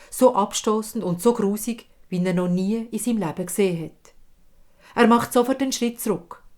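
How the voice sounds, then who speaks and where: A woman storyteller with a Swiss German accent, narrating a fairy tale in a calm, measured way. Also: medium pitch.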